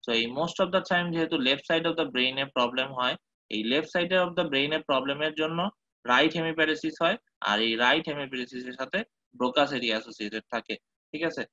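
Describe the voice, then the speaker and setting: Bright-voiced man giving a medical lecture. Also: fairly high pitch, a little fast, dry recording. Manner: mixes English terms, checks in with listeners often. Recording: dull, dry close recording.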